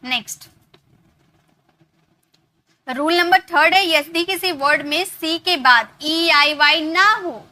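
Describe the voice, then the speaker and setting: A woman's voice: high-pitched, takes it slowly, pauses often, pushed and bright, dry recording. A woman with an Indian accent teaching English reading rules, repeating words and asking questions as she drills them. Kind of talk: spoken classroom lesson.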